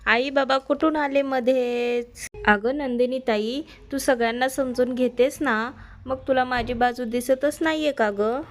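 A woman voicing a resentful young bride who refuses her marriage, speaking in sharp reproachful questions. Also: high voice, steady tone, measured pace. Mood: angry.

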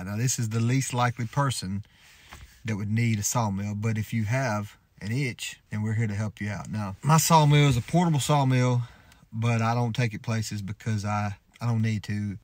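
A man in his thirties giving relaxed, folksy advice to the camera from inside a parked pickup truck, often restarting his words. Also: on the low side. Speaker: sawmill owner and homesteader vlogger. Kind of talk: casual advice talk to camera.

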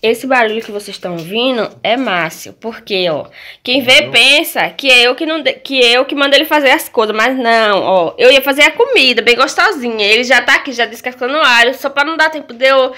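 A woman's voice: a little high, expressive, fairly quick, pushed and bright. A young Brazilian woman vlogging casually and chattily to her viewers, talking through her errands and her cooking. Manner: chatty, addresses viewers as "minha gente". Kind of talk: casual vlog chat. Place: street then a small home kitchen. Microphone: handheld phone camera. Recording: phone recording with clear background noise.

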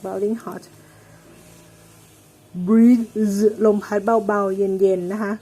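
A woman teaching English weather words, explaining each one slowly and patiently, with many polite particles. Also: medium pitch, little pitch movement, dark tone, breathy edge. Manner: slow, drawn-out explanations with frequent polite particles. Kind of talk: English vocabulary lesson.

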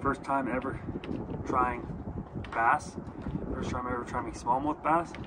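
A man's voice: mid-range voice, fairly even intonation, slow. A young man, narrating a casual camping vlog in a laid-back, slangy way from a parking lot and his car. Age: young adult. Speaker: vlogger. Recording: loud outdoor and vehicle noise.

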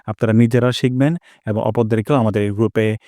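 A man teaching Quran recitation, explaining each sound patiently and drilling it through repetition, with slow, drawn-out chanted examples. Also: on the low side, steady tone, dark tone, no echo, clean studio sound. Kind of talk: spoken lesson on Arabic pronunciation.

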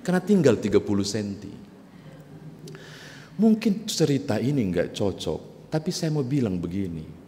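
Male pastor telling a sermon story, lowish voice, big church echo, faint hiss. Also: sing-song, moderate pace, long pauses, mellow. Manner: conversational storytelling, addressing congregation. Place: church sanctuary.

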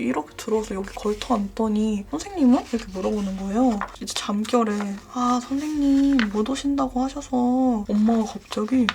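A young adult woman vlogger casually telling horror stories, dropping into hushed whispers at the scary parts. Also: a little high, slight background noise. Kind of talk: casual horror storytelling while journaling.

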